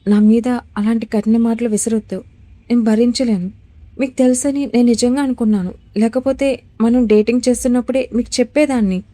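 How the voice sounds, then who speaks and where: A woman's voice: fairly high pitch, fairly even intonation, a little fast, warm tone, no echo, close to an everyday voice. A woman voicing a frightened young bride who pleads in a trembling voice in a storybook drama. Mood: pleading.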